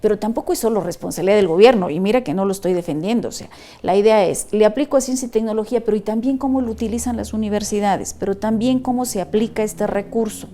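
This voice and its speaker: A woman, a panel guest speaking in a measured, conciliatory way with frequent restarts. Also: medium pitch, warm tone. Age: 50s. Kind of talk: studio panel discussion.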